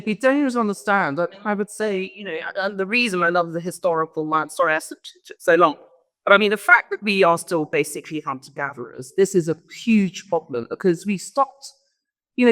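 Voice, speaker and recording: A woman with a low, slightly bright voice speaks informally as a conference guest, telling stories that ramble and often get interrupted by her own asides. The large event hall gives the recording a long reverb.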